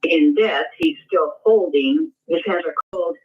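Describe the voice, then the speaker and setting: A man's voice: a little high, a little slow, slightly rough. A man in a remote conversation, cautiously probing the case and often repeating himself. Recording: dull distant call audio.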